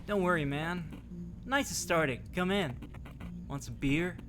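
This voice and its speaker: Casting: man acting easygoing stoner dude for a video game, slack casual drawl, slightly high voice. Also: measured pace, background noise, natural voice. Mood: laid-back. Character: laid-back stoner young male party host. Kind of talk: reading video game dialogue aloud.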